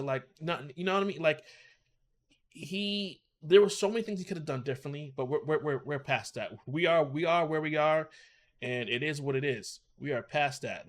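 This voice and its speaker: A man hosting a reaction video, talking emotively and repetitively as he thinks aloud. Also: a little high. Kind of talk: casual reaction commentary.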